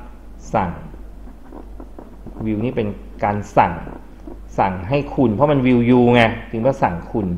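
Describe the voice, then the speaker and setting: A man from Thailand teaches an English lesson in a classroom, explaining words and quizzing his students. His voice sits at a middling pitch. The recording is dull and lo-fi, with faint noise behind it. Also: slow, pauses often, a little mellow. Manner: explains vocabulary, asks the class questions.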